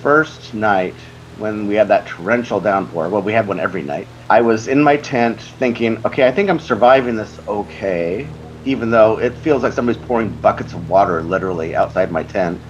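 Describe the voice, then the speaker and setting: A man's voice: on the low side, brisk, highs cut off, slight background noise. A man, an organizer of the event, musing over a memory in an interview. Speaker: organizer and co-founder. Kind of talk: interview recollection.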